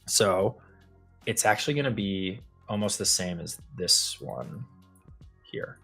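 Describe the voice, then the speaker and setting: Low-voiced man thinking aloud on stream. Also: slow, gravelly, husky, faint music behind. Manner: thinks aloud while building, relaxed and meandering. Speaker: co-host building a coding demo. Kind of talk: casual live-stream walkthrough.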